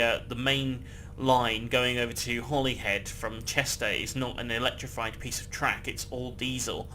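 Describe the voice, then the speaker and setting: Here a man hosts gameplay commentary in a pushed, bright mid-range voice, chatting loosely, cursing without restraint and laughing a lot. There's a little hiss or hum on the audio.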